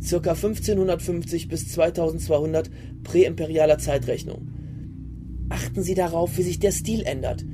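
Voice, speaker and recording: An actor playing a calm, cultured and commanding space admiral in a sci-fi audio drama, speaking with measured, coolly didactic authority. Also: male voice, a little high, lightly acted. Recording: loud music behind the voice.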